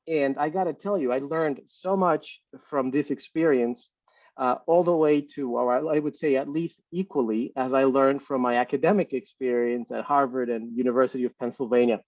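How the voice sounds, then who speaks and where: A man from Ecuador who directs a small business center gives a relaxed, conversational webinar lecture with many fillers. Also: medium pitch, no room sound. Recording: distant, dull lo-fi webinar audio.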